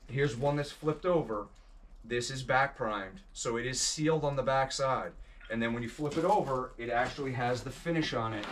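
A man's voice: medium pitch, noisy background. A man methodically walking through a building under construction, outdoors at the site. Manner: methodical, measured. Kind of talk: explanatory walkthrough.

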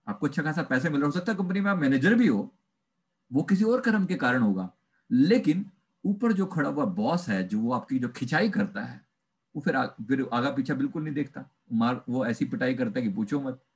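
A man's voice: mid-range voice, normal speed. A man, a life coach, giving a spiritual motivational talk and acting out little dialogues as he goes. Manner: animated, acts out dialogue, mixes in English phrases.

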